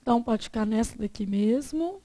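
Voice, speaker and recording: A woman's voice: fairly high pitch, animated, fairly quick, mellow, no echo. A Brazilian woman teaching a Portuguese class, putting questions to her students and answering them herself. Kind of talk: classroom lesson on exam questions.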